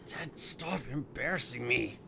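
A man's voice: mid-range voice, animated, measured pace, creaky, bright, forceful tone, slight background noise. A man co-hosting a let's play, cracking jokes and swearing as he plays. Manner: joking, giggly, swears freely. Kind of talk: casual gameplay commentary.

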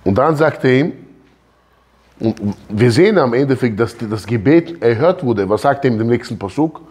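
A man teaching a religious lesson as a rabbi, animated and often putting questions straight to his listeners. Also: medium pitch, moderate pace, husky. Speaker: rabbi teaching a Torah class.

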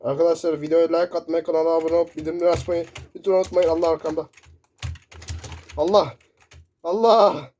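A man commentating his own first-person shooter gameplay, excitable and shouting in bursts, keyboard clicks close by. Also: a little high, rapid-fire, few pauses, slight background noise. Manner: excitable, shouting in sudden bursts during play. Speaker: gaming YouTuber. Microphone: desk mic picking up keyboard. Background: loud keyboard typing.

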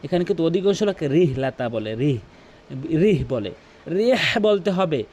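A man teaching tajweed, demonstrating correct Quran recitation and repeating words slowly to show the right and wrong pronunciation. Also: a little high, very animated, warm tone. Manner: drawn-out melodic recitation in demonstrations.

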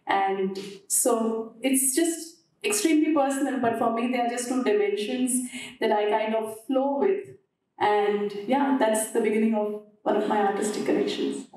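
A woman in her forties talks in a measured, reflective way. Her voice is slightly high. She is on stage with a handheld mic, sounding a bit distant in a very reverberant hall. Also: darkish tone. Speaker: dancer and designer on a discussion panel. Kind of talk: reflective panel talk. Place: on stage in an auditorium. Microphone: handheld microphone.

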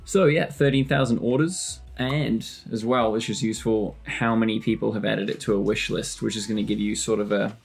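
A man's voice: fairly low pitch, fairly even intonation, brisk, creaky, few pauses, breathy edge, soft background music. A man presenting a casual screen-share tutorial, chatty, joking and self-deprecating as he clicks through.

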